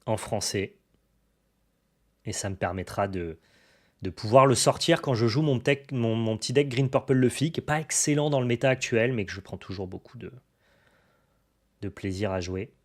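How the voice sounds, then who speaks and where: A man's voice: medium pitch, normal speed, long pauses. A young adult man showing off his card purchases in a casual, enthusiastic chat to the camera. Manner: enthusiastic, chatty, many fillers and restarts. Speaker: card collecting YouTuber.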